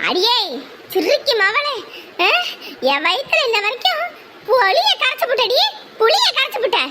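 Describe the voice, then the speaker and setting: A woman's voice: very high-pitched, sing-song, unhurried, very noisy, exaggerated voice. A fretful, fierce village mother. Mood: scolding. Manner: lamenting, scolding, rural Tamil speech. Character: anxious thrifty village mother, fierce when scolding.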